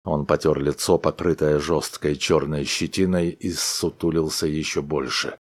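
A man narrating an audiobook in a low, even, measured reading. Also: breathy edge, no echo, clean studio sound.

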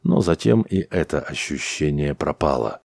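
A man reading science fiction aloud as an audiobook narrator, in an even, unhurried way. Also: extremely low pitch, creaky, breathy edge, no echo, studio quality. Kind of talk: scripted narration.

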